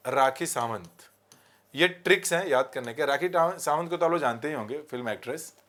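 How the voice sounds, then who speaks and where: A man teaching vocabulary with memory tricks, asking rhetorical questions and repeating key words slowly. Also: fairly high pitch, fairly bright tone. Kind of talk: vocabulary lesson with mnemonics.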